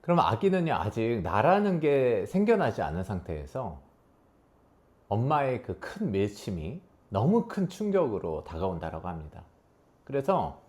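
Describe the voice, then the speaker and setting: A man giving a spoken talk as a coach, animated, acting out the voices he quotes with big swings in pitch. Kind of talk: spoken lecture to an audience.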